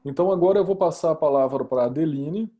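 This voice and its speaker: A man's voice: on the high side, quick pace, phone-quality sound. A man coordinating a course, explaining earnestly over a video call and checking in with listeners. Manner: earnest, repeats for emphasis. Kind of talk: explaining in an online meeting.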